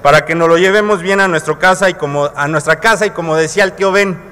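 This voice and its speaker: A Mexican man in his thirties addresses fellow lawmakers from a podium microphone. His voice sits fairly high, and he mixes slangy asides with rhetorical questions. His words ring out with the long reverb of a large legislative hall. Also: fast talker, pushed and bright, smooth. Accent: Mexican Spanish. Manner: colloquial, rhetorical questions to colleagues. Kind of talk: parliamentary floor speech. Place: large legislative chamber, indoors.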